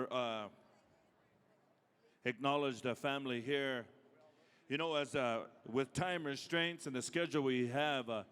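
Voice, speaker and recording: A man emceeing a powwow over a reverberant arena sound system. His voice is clean and resonant at a medium pitch. He calls names in a stretched, emphatic way and fills in with informal, halting remarks. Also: a bit bright, clean tone. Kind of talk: live ceremonial announcing, calling names to come forward. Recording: reverberant large hall PA sound.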